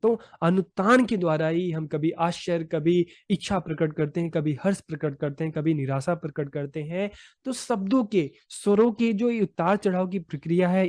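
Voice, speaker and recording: Clear-voiced male Hindi teacher, patient. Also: on the high side, darkish tone, no room sound, clean studio sound. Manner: patient, repeats points with "theek hai". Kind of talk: explanatory lesson.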